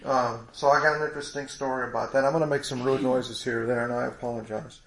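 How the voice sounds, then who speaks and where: A man's voice: medium pitch, steady tone, fast talker, fairly bright tone, roomy sound. A congested man preaching a sermon in a folksy, rambling way with many restarts.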